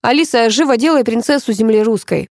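A woman's voice: fairly high pitch, brisk, a little mellow, no room sound, studio quality, pitched above the performer's own voice, lightly acted. A woman reading an audiobook and voicing a brusque, impatient male director who barks orders at his crew.

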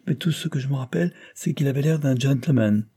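A man reading aloud voices a sickly, anxious older woman who talks in a hushed, plaintive way. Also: medium pitch, fast talker, breathy edge, pitched above the performer's own voice. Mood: fearful, plaintive. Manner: fearful, plaintive.

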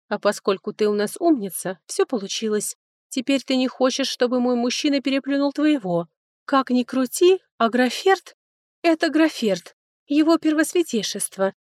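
A woman's voice: fairly high pitch, no room sound, studio quality, voice pushed up, close to an everyday voice. A woman reading an audiobook, voicing a sarcastic, touchy young noblewoman who mocks her older sister. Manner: mocking, biting, quick to snipe.

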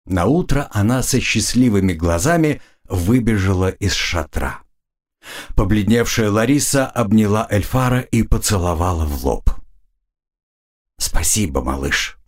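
Male narrator, low voice, lively intonation, husky, audiobook. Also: normal speed. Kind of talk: scripted narration.

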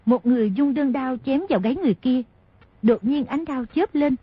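A woman narrating a martial-arts novel as an audiobook, telling the story at a steady pace. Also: high-pitched, a little fast, husky, no echo. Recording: dry, dull lo-fi audio.

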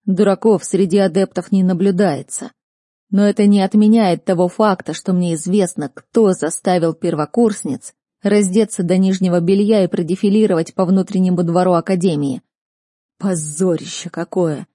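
Woman doing a scolding male rector, loud and barking, husky dark voice, dry sound. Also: fairly low pitch, steady tone, normal speed, dry recording, lightly acted. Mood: furious. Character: stern furious male academy rector, powerful mage.

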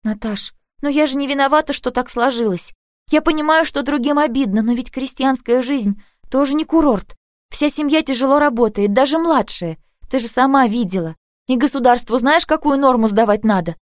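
A woman's voice: high-pitched, moderate pace, no echo, studio quality, voice pushed up, natural voice. A woman voicing a sensitive, earnest teenage girl who pleads and argues indignantly in an audiobook.

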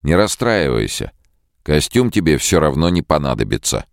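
A tense, controlling man who hides menace behind calm, clipped commands in an audiobook, read by a deep-voiced man slightly above his own pitch. The voice is gravelly and dry, recorded close. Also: moderate pace, dry recording, full character voice. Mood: soothing.

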